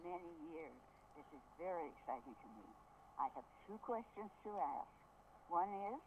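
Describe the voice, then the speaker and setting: A woman's voice: on the low side, a little mellow. An older woman putting prepared questions to a guest over a relayed line. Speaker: audience member asking questions. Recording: faintly noisy relayed line.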